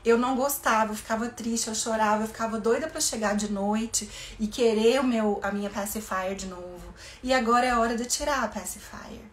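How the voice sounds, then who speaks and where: A woman's voice: a little high, steady tone, fairly quick, hardly any pauses, echoey room, slight background noise. A woman with a Brazilian Portuguese accent, an English teacher speaking casually and expressively to parents about phrases for children.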